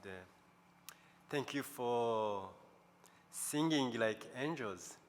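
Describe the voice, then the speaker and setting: A man in his fifties giving a deliberate, slow testimony talk as guest speaker at a church service, pausing often. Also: medium pitch, pushed and bright. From Rwanda. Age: 50s. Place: large church sanctuary. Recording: echoey church hall, faint room noise.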